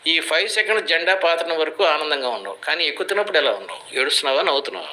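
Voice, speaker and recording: A man's voice: a little high, lively intonation, racing, pushed and bright, low-quality recording. An older man giving motivational advice in an interview, teaching through everyday parables. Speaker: guest speaker, life coach.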